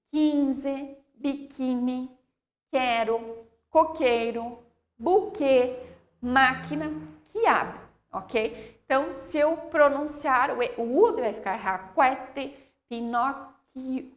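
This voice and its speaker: A woman teaching young children spelling, drawing out each example word slowly and checking in with "ok?". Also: high-pitched. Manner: slow, drawn-out word-by-word dictation with frequent "ok?" checks. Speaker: primary school teacher.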